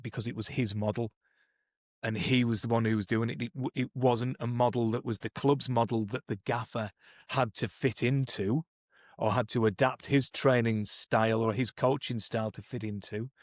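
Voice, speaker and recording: A native English speaker co-hosts a podcast as a performance coach, explaining coaching methods in a thoughtful, conversational way, restarting sentences and saying "you know" often. His mid-range voice is fairly even and moderately paced, recorded at studio quality with no room sound.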